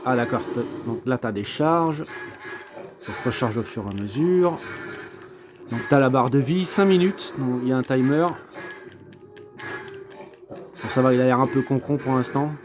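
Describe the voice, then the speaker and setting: A man's voice: medium pitch, moderate pace, pauses often, over music. A man giving casual gameplay commentary as a game reviewer, thinking aloud and hesitant, with many fillers. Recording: clear background noise.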